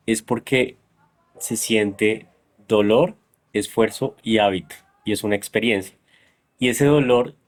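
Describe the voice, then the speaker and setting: A man with a Colombian accent explaining his ideas at length in a reflective conversation. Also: medium pitch. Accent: Colombian Spanish. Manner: explanatory, thinks aloud. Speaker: psychologist host.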